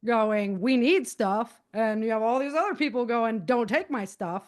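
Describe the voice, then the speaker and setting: A woman with an American accent, appearing as a guest author, casually and animatedly recounts the story of her own novels. Her voice is a little high and her speed normal.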